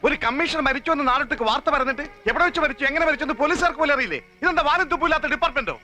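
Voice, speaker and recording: Annoyed guy ranting at the cops really fast, bright voice. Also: extremely high pitch, expressive, soft background music, exaggerated voice. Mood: indignant.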